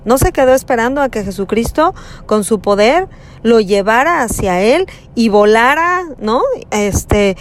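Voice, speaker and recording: A woman giving a slow, conversational reflection on a Gospel passage, often adding tag questions. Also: fairly high pitch, animated, slight background noise. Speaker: preacher.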